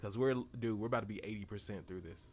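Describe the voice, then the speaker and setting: A man's voice: fairly low pitch, fast talker. A young man streaming a video game, chatting casually in a rambling, jokey way. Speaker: gaming streamer. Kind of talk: casual gameplay commentary.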